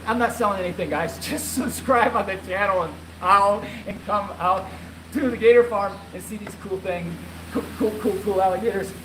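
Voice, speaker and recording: A man's voice: sits high, moderate pace, noisy background. A man streaming live from an alligator farm on his phone, chatting casually, rambling and restarting his sentences, out of breath. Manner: rambling, repeats himself, restarts often. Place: outdoors at an animal farm.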